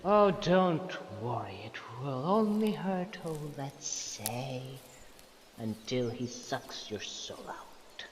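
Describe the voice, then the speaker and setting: A woman playing a scheming, sarcastic, ruthless Time Lord villain in an audio drama, with a theatrical and deliberate delivery. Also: rumbling low, lively intonation, exaggerated voice. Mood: gloating cruelty. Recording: muffled, noisy, reverberant amateur recording.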